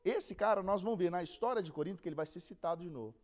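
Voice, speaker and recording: A man's voice: high voice, racing. A man with a Brazilian Portuguese accent teaching a Bible lesson in a casual, storytelling way, acting out the people he quotes.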